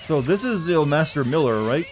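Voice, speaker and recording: A man's voice: fairly high pitch, lively intonation, normal speed. A man streaming a video game, giving casual play-along commentary with wry, rambling asides. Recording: game music underneath.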